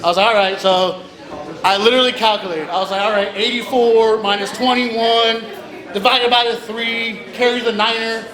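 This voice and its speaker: Speaking at normal speed in a steady tone, a high-voiced male comic in his 30s tells casual jokes on stage. His rambling, self-deprecating set, complete with acted-out dialogue, comes through a PA in an echoey little club as the crowd chatters.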